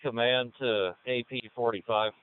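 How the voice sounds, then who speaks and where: A man's voice: mid-range voice, fairly even intonation, normal speed, clear, resonant tone. A man speaking as a battalion fire chief over a two-way radio. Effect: two-way radio transmission. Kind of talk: firefighter radio communication. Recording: dry, narrow-band radio channel.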